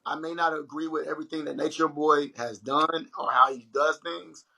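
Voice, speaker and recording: A man's voice: a little high, normal speed, vocal fry, poor audio. A young man hosting a casual livestream chat, telling stories animatedly and speaking straight to his viewers. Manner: animated storytelling, addresses viewers as y'all. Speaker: livestream host.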